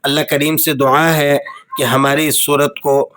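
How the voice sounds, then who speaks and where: A man teaching Quran recitation, with a Pakistani Urdu accent, explaining the rules quickly and then reciting verses slowly and melodically. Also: fairly high pitch, level tone, a bit bright. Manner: switches between quick explanation and slow, drawn-out melodic recitation. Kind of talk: tajweed lesson, explaining and reciting.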